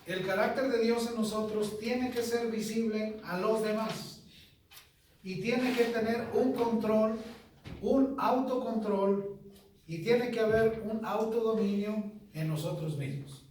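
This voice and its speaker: A man pastor teaching a sermon, measured, repeating key phrases and putting questions to the congregation. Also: high voice, darkish tone, a little hiss or hum. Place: church hall. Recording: echoey church from far off.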